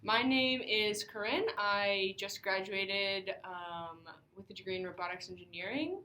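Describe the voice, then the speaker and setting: A woman in her twenties from Pittsburgh, a recent graduate, introducing herself slowly. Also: medium pitch, sharp tone, poor audio. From Pittsburgh, USA. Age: 20s. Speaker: student guest.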